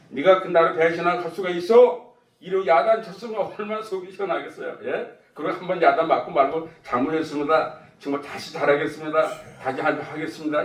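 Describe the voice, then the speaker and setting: A pastor preaching to his congregation, throwing out rhetorical questions and acting out quoted lines. His voice sits a little high for a man. It is picked up from a distance and rings through an echoey church hall. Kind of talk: sermon. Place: church sanctuary.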